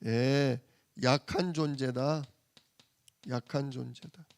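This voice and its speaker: A man preaching a sermon in church, asking rhetorical questions and answering them himself, swinging from loud emphasis to soft murmurs. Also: medium pitch, fairly even intonation, slow pace, smooth, no room sound. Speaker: pastor.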